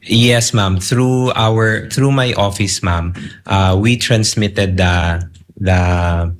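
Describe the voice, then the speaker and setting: A man's voice: lowish voice, fairly even intonation, very slow, slight background noise. A man with a Filipino accent testifying formally as a witness under cross-examination, deferential and brief in his answers. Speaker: witness, government official.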